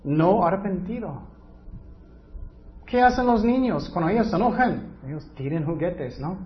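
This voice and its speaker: Slow, high-voiced male preacher. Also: expressive, lo-fi sound. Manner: earnest teaching with rhetorical questions. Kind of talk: sermon.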